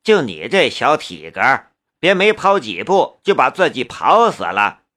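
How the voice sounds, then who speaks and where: A man's voice: high-pitched, lively intonation, normal speed, bright, forceful tone, pitched above the performer's own voice. A man voicing an arrogant rich teenage boy who taunts others and stammers when scared. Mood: sneering.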